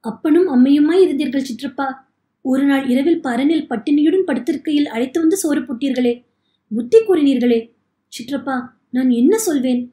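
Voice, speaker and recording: A tearful young man pleads for forgiveness, his sorrow spilling into every line, as a woman reads him aloud. The voice sits high and mellow. It rings in an echoey room. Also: normal speed, close to an everyday voice. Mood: pleading. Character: remorseful young man, weeping, begging forgiveness.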